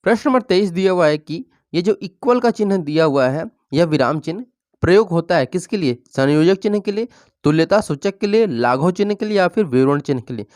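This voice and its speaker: A teacher works through exam questions one at a time, reading out each set of options and then explaining the right answer. The delivery is steady and patient, with frequent little check-ins to keep the class along. The voice sits at a middle pitch, and the recording is dry with no room sound. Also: brisk, dry recording. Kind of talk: exam-prep lesson going through quiz questions.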